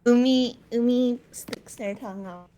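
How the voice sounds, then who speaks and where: A woman's voice: a little high, fairly even intonation, a little slow, warm tone, slight background noise. A woman narrating her character in a tabletop game in a hesitant, casual way.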